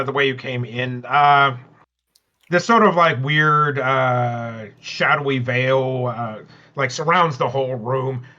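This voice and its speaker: A man's voice: medium pitch, bright, forceful tone, muffled recording. A man narrating as game master of a tabletop game, hesitant with many fillers and chuckles.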